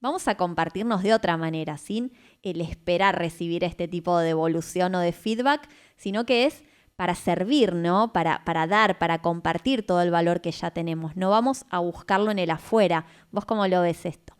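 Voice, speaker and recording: A woman's voice: fairly low pitch, moderate pace, clear, resonant tone. A woman radio host who talks in a thoughtful, explanatory way and often ends her points with a questioning tag. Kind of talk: reflective conversation.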